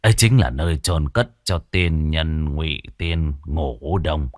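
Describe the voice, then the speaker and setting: A man voicing a frail, trembling clan elder over a hundred years old in a ghost story, speaking slowly and solemnly. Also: deep voice, very animated, creaky, no room sound, clean studio sound, exaggerated voice. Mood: grave.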